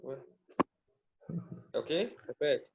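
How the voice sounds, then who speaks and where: A man's voice: medium pitch, lively intonation, slow pace, vocal fry. A male student on an online call whose audio keeps breaking up, answering hesitantly as he works it out aloud. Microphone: video call. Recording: muffled noisy online call.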